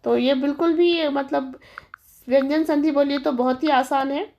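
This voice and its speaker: High-voiced woman teaching grammar. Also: fairly even intonation, normal speed, a little mellow, highs cut off. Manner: explains step by step, asking and answering her own questions; addresses students as children. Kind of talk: classroom-style grammar lesson.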